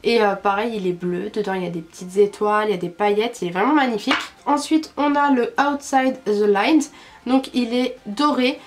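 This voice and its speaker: A woman's voice: medium pitch, moderate pace, noisy background. A young woman from France, chatting casually about a makeup order she received, with frequent hesitation fillers. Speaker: beauty vlogger. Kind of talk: casual product review.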